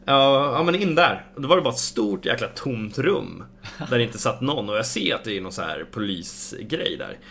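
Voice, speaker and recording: A man's voice: on the low side, sing-song, vocal fry, a bit bright. A young man casually telling a travel story, acting out the exchanges he quotes and swearing freely.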